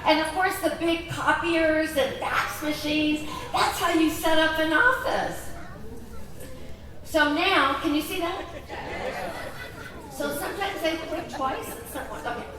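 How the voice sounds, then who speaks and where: Delivering a talk to a convention audience, this Greek-born woman speaks in a high, bright, forceful voice at a slightly slow pace and frequently poses questions to the crowd. The large hall is echoey, she sounds distant, and there is some chatter in the background.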